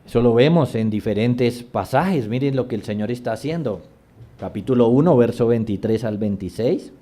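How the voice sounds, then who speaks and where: A man's voice: mid-range voice, animated, normal speed, warm tone. A man preaching a sermon as pastor, reading scripture aloud and driving his points home with frequent rhetorical questions. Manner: reads scripture passages aloud.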